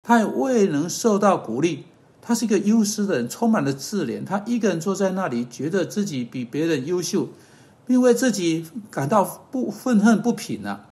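A man giving an earnest sermon-style podcast teaching that closes in prayer, pausing on fillers and correcting himself as he goes. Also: high-pitched, very animated, darkish tone. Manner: earnest, measured, with hesitant fillers and self-corrections.

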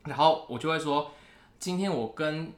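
A man's voice: fairly high pitch, normal speed. A man with a Taiwanese Mandarin accent, co-hosting a casual podcast and playfully quizzing his partner with joke questions. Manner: playful storyteller posing joke quiz questions. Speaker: podcast co-host. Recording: roomy echo in a new recording spot.

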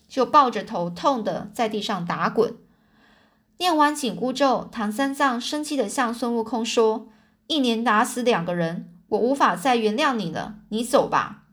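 A woman reading a children's storybook aloud, stopping to explain words in a chatty way. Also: on the high side.

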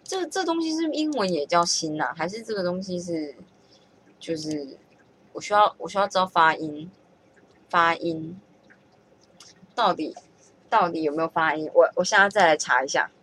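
A woman's voice: fairly low pitch, animated, normal speed, long pauses, fairly bright tone, slight background noise. A woman chatting casually as she thinks aloud, often correcting herself and laughing at her own mistakes. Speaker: vlogger learning French.

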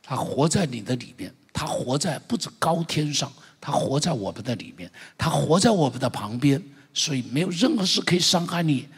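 A middle-aged male pastor giving an impassioned sermon, with loud exclamations and calls for the congregation to repeat after him. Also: fairly high pitch, lively intonation, fairly quick, slightly rough. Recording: long church-hall reverb.

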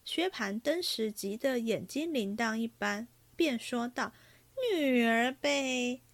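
A woman narrating a classic novel aloud in a slow, deliberate reading. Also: a little high, expressive, creaky, dry recording. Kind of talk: read-aloud storytelling.

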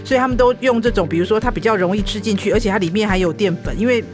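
A woman's voice: mid-range voice, rapid-fire. Casting: female co-host, Taiwanese Mandarin accent, casual food talk sprinkled with Hokkien, music playing behind. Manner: slips into Taiwanese Hokkien words.

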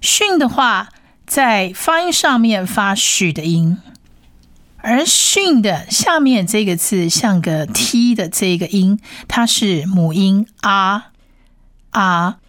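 A woman giving a language lesson, her pitch rising and falling a lot as she explains. She patiently repeats each sound slowly several times. The recording is dry and close. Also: sing-song, a bit bright, no echo. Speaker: teacher.

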